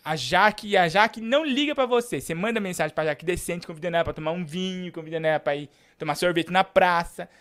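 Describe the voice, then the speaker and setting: A man hosting a live show, reading out shout-outs and teasing a caller in a playful way. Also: high-pitched, quick pace, few pauses. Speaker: host.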